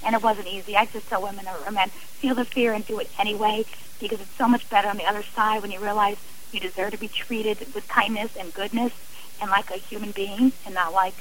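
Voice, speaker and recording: Her mid-range voice moves briskly with fairly even intonation, captured on a low-quality recording. She's a middle-aged radio interview guest recounting a personal experience, earnest and emphatic in a conversational manner.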